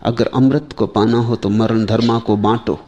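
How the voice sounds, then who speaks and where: A man giving a slow, measured spiritual discourse, pausing often and asking his listeners rhetorical questions. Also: lowish voice, fairly even intonation, warm tone, muffled recording. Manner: slow, measured delivery with long pauses. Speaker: spiritual teacher.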